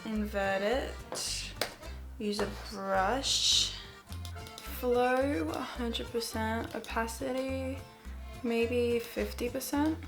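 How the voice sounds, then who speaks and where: A woman narrates a casual screen tutorial at an unhurried pace, with a gravelly creak in her voice. She thinks aloud hesitantly and repeats words as she decides what to do. Music plays clearly behind her. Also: a little high. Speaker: photo editing tutorial host.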